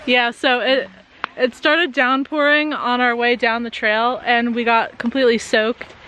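Young female travel vlogger, higher voice, giggly and chatty, phone mic outdoors. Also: fairly even intonation, takes it slowly, pushed and bright, slight background noise, low-quality recording. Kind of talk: casual travel vlog chat. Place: outdoors on a desert hiking trail. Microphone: phone camera at arm's length.

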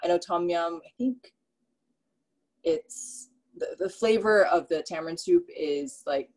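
Over a video call on her laptop webcam, a Philippines-raised woman leads a relaxed cooking class in her home kitchen, wandering off on tangents and using many fillers. She speaks at a measured pace with a voice on the low side, and the recording is rough.

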